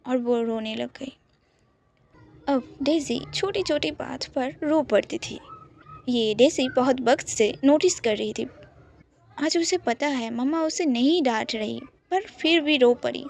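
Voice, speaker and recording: Soft-spoken woman storyteller. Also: sits high, slow pace, creaky, slight background noise. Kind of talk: Hindi romance story narration.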